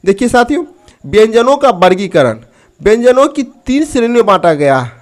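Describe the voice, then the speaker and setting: A man teaching a grammar lesson. He asks his students questions, answers them himself, and drawls the key terms slowly. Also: high-pitched, big pitch swings.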